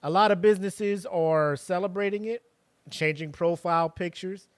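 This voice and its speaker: A man co-hosting a podcast in casual chat, animated and sarcastic, full of slang. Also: high voice, moderate pace, clean tone, dry recording. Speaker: podcast co-host.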